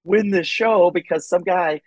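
A man telling his own story as a podcast guest in a casual, animated way, acting out quoted voices and often saying "like" and "um". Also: sits high, unhurried, no room sound, low-quality recording.

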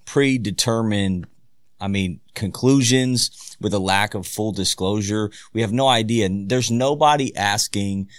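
A man, a pastor co-hosting a casual podcast, who talks in a relaxed way and laughs easily. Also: on the low side, unhurried, clear, resonant tone, no room sound, studio quality.

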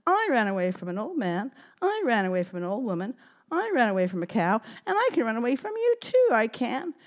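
A woman voicing a boastful little gingerbread boy who taunts in a high, sing-song voice. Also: sing-song, fairly quick.

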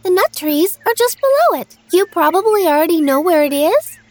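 Storybook heroine: a cheerful, trusting little girl with a high, eager voice, played by a woman. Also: very animated, normal speed, darkish tone, dry recording. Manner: eager, innocent. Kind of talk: storybook read-aloud.

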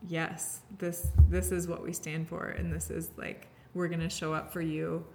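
A woman's voice: sits low, level tone, normal speed, darkish tone, soft background music. A woman speaking earnestly and openly in a conversational interview, often restarting her sentences and filling them with "like". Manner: earnest, heartfelt, heavy use of "like" and restarts. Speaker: podcast guest sharing her story.

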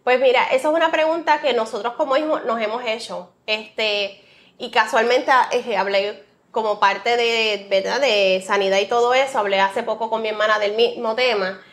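A woman's voice: fairly high pitch, fairly even intonation, moderate pace. A woman from Rico, sharing a heartfelt, faith-filled personal testimony as an interview guest. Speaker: guest, author.

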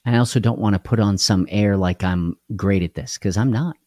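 A man's voice: fairly low pitch, moderate pace, mellow, no room sound, studio quality. A man hosting a live devotional talk, speaking earnestly and candidly, often repeating key phrases for emphasis. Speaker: host of a live devotional show.

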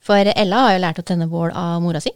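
A woman with a smooth, resonant voice talks through a book in a relaxed, thoughtful way, pausing often with small hesitations. The sound is close and dry, with no room around it. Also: on the low side, dry recording. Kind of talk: casual book talk.

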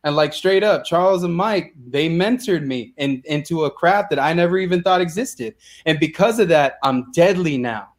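Young man, interview guest, energetic, slangy, slightly high voice. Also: moderate pace, few pauses. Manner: energetic, slangy, says bro and dude a lot. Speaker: guest, real estate investor. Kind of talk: casual interview talk.

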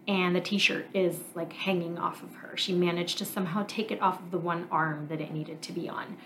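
A woman's voice: medium pitch, fairly bright tone, a little hiss or hum. Candid woman musing aloud on a podcast. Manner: candid, reflective, thinking aloud with fillers. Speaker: podcast host, marriage coach and therapist. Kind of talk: casual personal monologue.

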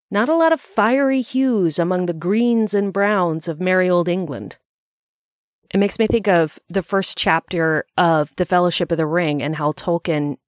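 A woman with a lowish voice reads a scripted explainer, bookish but chatty, dropping in wry asides. The recording is close and dry, with no room sound. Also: no echo.

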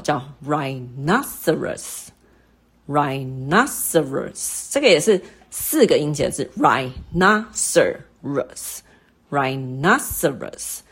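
Woman, middle-aged, English lesson host, deep breathy voice, patient, slow repetition of example words. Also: a bit bright. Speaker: English teacher and podcast host. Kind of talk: explaining English word stress to listeners.

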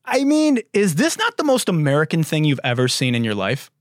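Man, podcast host, sarcastic, swears a lot, laughs often, very animated pitch, dry close sound. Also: fairly quick, dry recording. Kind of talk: comedic talk monologue.

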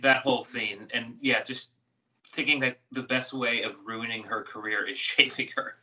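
A man co-hosting a podcast, talking casually and haltingly about a film. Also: mid-range voice, fairly even intonation, sharp tone, slight background noise, poor audio. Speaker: podcast co-host. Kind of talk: casual chat.

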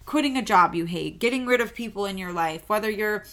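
A woman in her twenties co-hosts a podcast in a relaxed, chatty way. Her voice is bright and forward, and she rambles a little, leaning on "um" and "like" as she talks. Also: mid-range voice, a little fast. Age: 20s. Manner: chatty, animated, lots of fillers like "um" and "like". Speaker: podcast co-host. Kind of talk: casual podcast chat.

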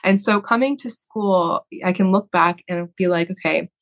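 A woman's voice: lowish voice, normal speed. A woman in her thirties from Canada, a podcast guest talking candidly and reflectively in a casual interview, often restarting her sentences. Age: 30s.

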